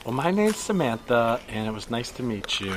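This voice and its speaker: A man playing a blunt, probing woman shopper and young mother who questions a stranger with deadpan persistence in an improvised comedy scene. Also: medium pitch, normal speed, noisy background, natural voice. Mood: polite.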